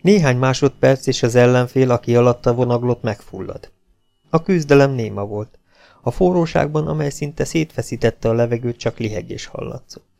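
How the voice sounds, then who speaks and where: A man narrating an audiobook in a steady, dramatic storytelling manner. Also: medium pitch, vocal fry. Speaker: audiobook reader.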